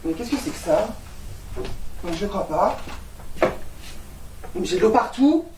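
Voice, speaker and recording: A lightly acted stage comedy performance has an actress as the new tenant, a sharp-tongued, ironic, exasperated young woman given to sarcasm. Her mid-range voice has lively intonation and runs a little slow, captured from far off on an echoey stage against background noise.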